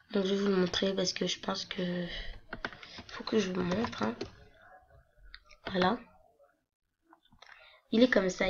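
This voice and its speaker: A young woman with a hoarse voice, chatting casually and rambling with many fillers as she walks through her game accounts on a screen recording. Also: medium pitch. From France. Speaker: gaming vlogger. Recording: lo-fi computer mic with faint noise.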